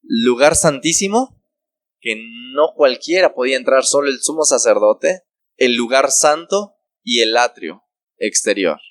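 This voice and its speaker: A man's voice: medium pitch, expressive, unhurried, dry recording. A man preaching a sermon who asks the congregation rhetorical questions and briefly acts out the voices of the people in his parable. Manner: acts out quoted dialogue in the parable.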